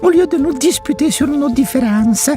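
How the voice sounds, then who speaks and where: A chatty little female frog for an audio storybook, with a piping, very high voice. She teases and coaxes, tacking a questioning "hein" onto her lines, and soft music plays in the background. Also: animated, moderate pace. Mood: coaxing. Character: small cheerful female frog, chatty and teasing. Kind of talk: storybook acting over music.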